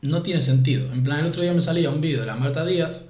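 A young man from Spain co-hosting a podcast, telling animated stories in casual slang. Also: fairly high pitch, rapid-fire. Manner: animated storyteller, says "en plan" constantly. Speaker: podcast co-host. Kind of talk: casual chat. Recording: roomy echo.

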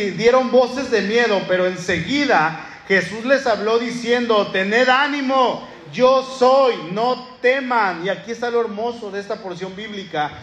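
A male pastor preaching a sermon, calling out to his congregation as he reads and explains scripture. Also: sits high. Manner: lively, calls out to the congregation. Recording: echoey hall with room ambience.

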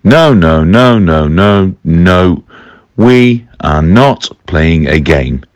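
An actor playing a stern, dismissive military elf official in an audio drama. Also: male voice, low voice, animated, extremely slow, no echo, exaggerated voice.

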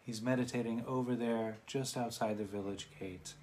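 A man voicing a kind and calm wise old man who gently reassures a grieving woman in a teaching story. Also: mid-range voice, moderate pace, a little hiss or hum, natural voice. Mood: gentle.

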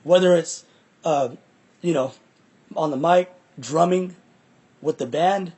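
A young man in casual, reflective conversation, halting and repeating himself, with some loose swearing. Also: fairly high pitch, warm tone, slightly rough. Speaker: musician.

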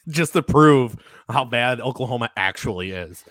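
A man co-hosting a casual college football podcast, relaxed and self-deprecating, steering the talk between topics. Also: mid-range voice, unhurried, no room sound. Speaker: podcast co-host. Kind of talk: casual sports chat.

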